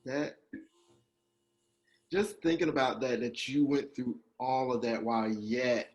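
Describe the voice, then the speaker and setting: A man's voice: medium pitch, measured pace. A young man interviewing a former mentor, moved and searching for words. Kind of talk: conversational interview.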